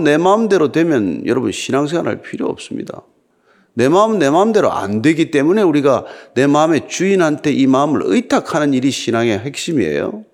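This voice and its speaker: A man's voice: a little high, darkish tone. An older man preaching a sermon as pastor, talking to his congregation in a conversational way and asking them rhetorical questions.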